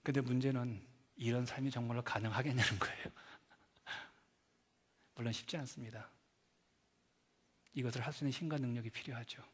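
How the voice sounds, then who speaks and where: A middle-aged male pastor giving a dramatic Sunday sermon, swinging from loud acted quotes to hushed asides. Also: mid-range voice, steady tone, normal speed, long pauses, slightly rough. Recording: long church hall reverb.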